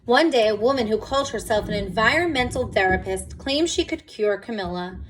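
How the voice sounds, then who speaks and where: A woman's voice: on the high side, lively intonation, brisk, a little hiss or hum. A woman reading a picture book aloud to children, expressively and with dramatic emphasis.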